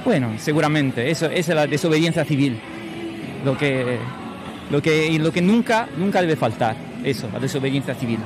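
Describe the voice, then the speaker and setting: A man's voice: on the high side, animated, moderate pace, music in the background. A man from Italy, a protester giving a hesitant street interview and repeating words as he goes. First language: Italian.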